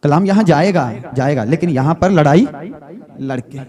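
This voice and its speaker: A male pastor, preaching with animated call-and-response and quizzing his congregation by name. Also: a little high, moderate pace. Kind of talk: sermon.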